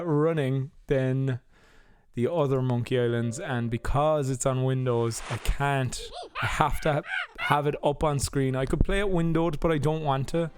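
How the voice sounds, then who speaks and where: A young man casually commenting as he plays a video game, chatty and rambling, often correcting himself mid-sentence. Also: medium pitch. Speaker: let's play host.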